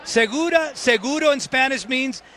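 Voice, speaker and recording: A man with a very high-pitched voice calls a boxing match live at normal speed, play by play, with emphatic, dramatic phrasing. Loud crowd and arena noise fill the background.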